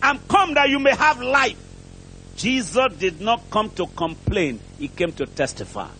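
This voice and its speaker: Here a man with a high-pitched, sharp, animated voice preaches a fervent prosperity sermon to a congregation, speaking a little slowly. He's a visitor to England from abroad, and from the pulpit he hammers home short repeated phrases and asks rhetorical questions. There's slight background noise.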